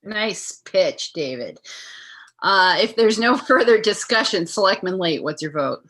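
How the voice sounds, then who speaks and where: A woman's voice: medium pitch, lively intonation, a little slow, a bit bright. A woman chairs a board meeting, moving formally through questions, motions and votes.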